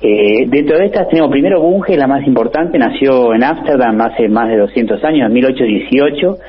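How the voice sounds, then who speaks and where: A man's voice: medium pitch, animated, fairly quick, slightly rough, muffled recording. A man presenting his weekly agronomy column on a radio show, earnest and informative, with frequent filler sounds. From Argentina. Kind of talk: radio column, explanatory talk.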